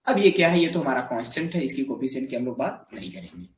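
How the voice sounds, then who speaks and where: A man's voice: medium pitch, lively intonation, fast, roomy sound. A man giving a math lecture in Hindi, asking his students questions and answering them himself. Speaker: math teacher. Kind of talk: classroom lecture.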